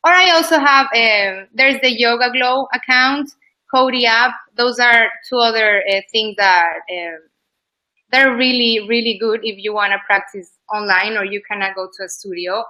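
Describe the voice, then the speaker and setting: This Ecuadorian yoga teacher in her 20s is a casual interview guest, chatting loosely about her work and leaning heavily on "like." Her voice is a little high and sharp at normal speed, captured in poor audio.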